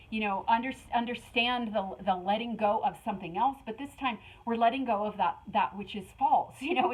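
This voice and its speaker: A middle-aged woman giving a casual spiritual tarot reading, talking in an animated, rambling way with many fillers. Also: mid-range voice, husky, poor audio. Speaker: tarot reader.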